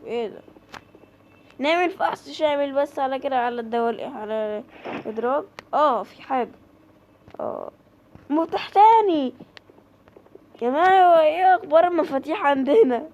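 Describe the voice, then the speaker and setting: A woman's voice: sits high, fairly quick, a little mellow, a little hiss or hum. A woman with an Egyptian accent chatting to her viewers while playing a horror game, yelping when startled. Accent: Egyptian Arabic. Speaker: gaming creator. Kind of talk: horror game let's play commentary.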